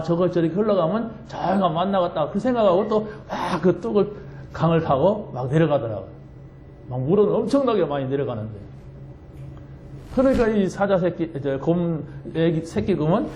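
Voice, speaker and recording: A man preaching a sermon as pastor, telling a story with animated, laughing delivery. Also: sits high, reverberant, a little hiss or hum, rough recording. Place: church sanctuary.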